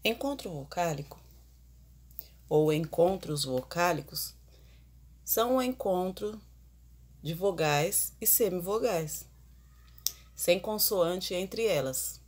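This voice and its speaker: A woman teacher giving an online grammar lesson, explaining slowly and putting questions to the class. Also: lowish voice, expressive, a little mellow, husky.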